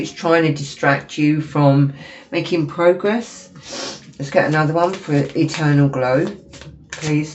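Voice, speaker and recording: A woman's voice: low voice, a little mellow. A woman with a cold, sniffling as she gives a chatty, apologetic tarot reading to camera with lots of fillers. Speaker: tarot reader. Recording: dull lo-fi recording with faint noise.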